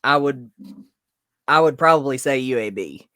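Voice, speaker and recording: A man's voice: medium pitch, expressive, moderate pace, pushed and bright, no room sound, clean studio sound. A man co-hosting a casual sports podcast, explaining news step by step with frequent ums. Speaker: podcast co-host.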